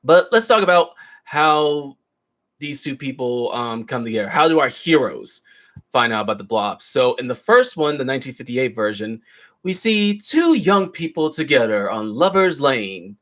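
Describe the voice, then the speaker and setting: A man's voice: mid-range voice, expressive, moderate pace, fairly bright tone. Man rambling through a casual movie review. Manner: rambling, loose retelling with asides.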